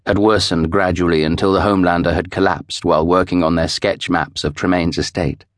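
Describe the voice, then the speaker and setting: A man giving measured, expressive scripted narration of a novel for an audiobook. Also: deep voice, no echo, clean studio sound.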